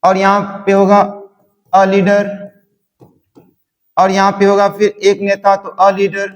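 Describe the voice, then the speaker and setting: A man's voice: high-pitched, monotone. A man teaching a spoken English lesson, repeating words over and over as he drills his class. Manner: slow, repetitive drilling. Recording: long hall reverb.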